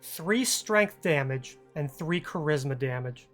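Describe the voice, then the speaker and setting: Calm game master narrating a tabletop game. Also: medium pitch, a little slow, soft background music.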